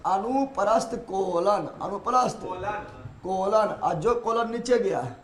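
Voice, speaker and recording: High-voiced man drilling a class. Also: animated, slow. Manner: repeats questions, drills students in chorus; loud, emphatic, laughing often. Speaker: biology teacher. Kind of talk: call-and-response classroom lesson.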